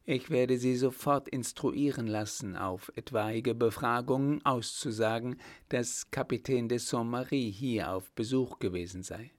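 A man reading an audiobook voices a calm, scheming noble baroness in a raised voice. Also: medium pitch, a little slow, few pauses, no room sound, clean studio sound, natural voice. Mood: decisive.

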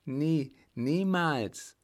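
A man's voice: on the high side, extremely slow, pitched above the performer's own voice. A man putting on a trembling young noblewoman. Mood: defiant. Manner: trembling, imploring. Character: young noblewoman, frightened, pleading, defiant.

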